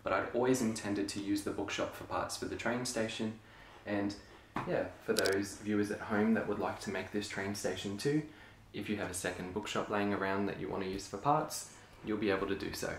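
A young man giving a relaxed, chatty show-and-tell of his hobby build at home, with frequent ums. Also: on the low side, brisk, few pauses. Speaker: LEGO hobby vlogger. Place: carpeted room at home. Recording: echoey room, faint noise.

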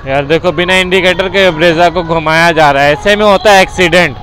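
A young man, chatting excitably as he vlogs his motorbike ride and a roadside bike workshop, dropping English words in. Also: on the high side, fairly quick, rough recording. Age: young adult. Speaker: motovlogger. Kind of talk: casual vlog commentary while riding. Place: city streets and roadside bike workshop, outdoors. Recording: faint street and traffic noise.

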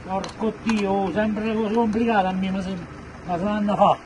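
A man's voice: high-pitched, fairly even intonation, moderate pace. A middle-aged man in an exasperated, muttered swearing rant as he works bent over, recorded outdoors on a phone from a few steps away. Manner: exasperated, cursing, straining while bent over work. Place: outdoors by a building wall. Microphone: phone held by another person a few steps away. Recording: outdoor phone video with faint noise.

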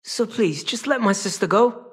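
A man playing a sly, wry, world-weary cat stalker in a video game, bargaining in a casual, streetwise way with a husky voice. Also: sits high, expressive, normal speed. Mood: weary, pleading. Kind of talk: video game character acting.

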